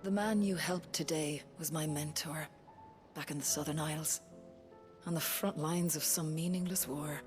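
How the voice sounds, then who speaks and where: An actress playing a weary, grieving young woman healer who speaks quietly and steadily in a game scene. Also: low voice, steady tone, lightly acted. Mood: somber. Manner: quiet, measured, somber. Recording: game audio with clear music behind.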